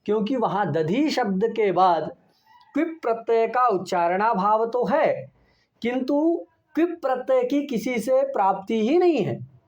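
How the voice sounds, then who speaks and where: A man's voice: sits high, highs cut off. A man lecturing on Sanskrit grammar, explaining each point step by step and repeating key terms, with the occasional rhetorical question. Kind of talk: university lecture.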